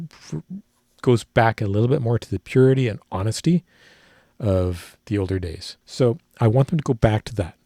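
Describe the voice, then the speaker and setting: A man talks through a song in a husky, fairly low voice, thinking aloud and correcting himself as he goes. He sounds like a working musician giving relaxed technical analysis. The sound is dry and close, with no room around it. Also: dry recording. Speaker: musician reacting to a music video.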